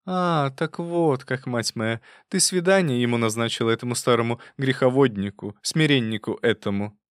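A man reading an audiobook, voicing a fierce old woman who scolds her niece in a loud, folksy way. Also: mid-range voice, normal speed, dry recording, studio quality, voice pushed up, lightly acted. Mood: scolding.

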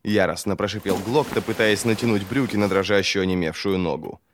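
A man narrating an audiobook in a measured, expressive reading. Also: low-pitched, slight background noise. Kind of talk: scripted narration.

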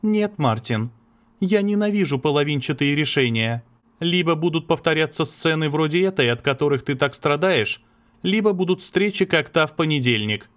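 A man voicing a cold, tormented young woman, curt and sharp, in an audiobook. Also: fairly high pitch, lively intonation, moderate pace, voice pushed up, natural voice. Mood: cold, bitter. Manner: sharp, curt, breaking into sobs. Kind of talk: audiobook character reading.

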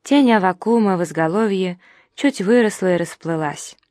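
A woman narrating a novel as an audiobook reader, reading rhythmic, archaic prose in a measured, solemn way. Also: mid-range voice, a little mellow, dry recording, clean studio sound. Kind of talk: scripted literary narration.

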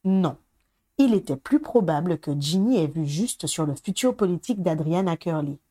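A woman reading a storybook aloud in an even, measured way. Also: on the low side, dry recording. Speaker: audiobook reader. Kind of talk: storybook narration.

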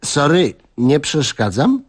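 A man's voice: medium pitch, wildly swooping pitch, slow pace. A man voicing a cocky young villager who crows and shows off. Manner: crowing, show-off.

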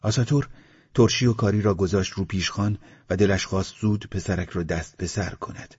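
A man narrates an audiobook in a measured, even reading. His voice is very deep and husky, and the recording sounds slightly muffled. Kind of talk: scripted narration.

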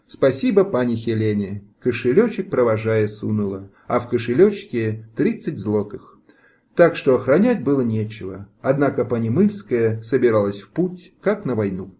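A man reading a historical novel aloud as an audiobook narrator, in a steady, dramatic manner. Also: mid-range voice.

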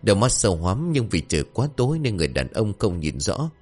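A man's voice: lowish voice, sing-song, fast, darkish tone, soft background music. A man narrating a folk tale expressively. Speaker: storyteller.

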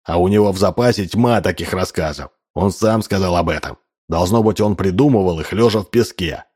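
A man's voice: sits low, a little fast, a little mellow, breathy edge. A man voicing a stubborn, enthusiastic male writer who argues insistently. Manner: insistent, persuasive.

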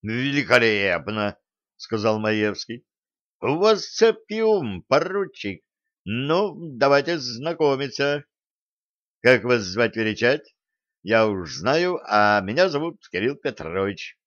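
A loud, jovial staff captain of the old army, played by a man reading an audiobook, bantering in a lifted, higher voice full of courtly turns of phrase. He sounds brash and pleased with himself. The recording is dry and a little dull. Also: big pitch swings, slow pace, no echo. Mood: boisterous. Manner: boisterous, bantering, old-fashioned courtly speech.

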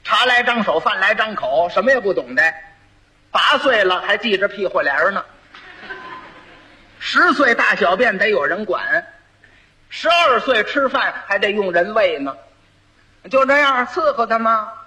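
A man telling a comic folk tale with lively asides to the listeners. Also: high voice, measured pace, long pauses, low-quality recording. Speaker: storyteller. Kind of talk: traditional comic storytelling.

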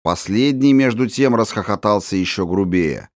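Expressive male audiobook narrator. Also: fairly low pitch, normal speed, no room sound, clean studio sound. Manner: expressive, acting out the story's tension. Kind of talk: scripted narration.

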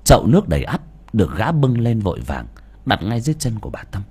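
A male storyteller reading an audiobook with a husky voice. His pitch moves in wide, lively swings, and he reads in an expressive, dramatic manner. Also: fast talker.

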